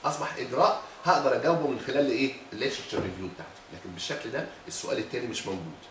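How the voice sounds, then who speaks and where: A man's voice: medium pitch, racing, distant mic, noisy background. A middle-aged man with an Egyptian Arabic accent, critiquing a thesis defense in a lecturing way, probing with rhetorical questions. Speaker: thesis examiner. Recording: echoey room, voice from afar.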